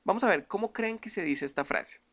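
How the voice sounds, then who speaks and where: A man teaches an online English grammar lesson. He explains things patiently and keeps putting questions to his viewers. Each English example sentence comes out slow and carefully modeled. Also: high voice, expressive, fairly bright tone.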